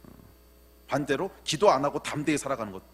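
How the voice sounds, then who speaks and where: A male pastor preaching a sermon in a church, repeating key phrases in call-and-response and swinging between loud exhortation and quiet asides. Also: medium pitch, expressive, quick pace. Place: church sanctuary.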